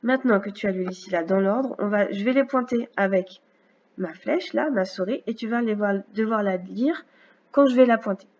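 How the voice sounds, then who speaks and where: A woman teacher giving a recorded phonics lesson, speaking slowly and clearly with patient explanations for a young child. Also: mid-range voice, a little mellow, highs cut off. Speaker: first-grade teacher.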